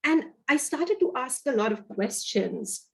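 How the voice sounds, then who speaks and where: This webinar guest speaker from India talks over a video call with an Indian accent. Her voice is high, creaky, and a little slow, and she tells her story reflectively while stressing points with lively emphasis.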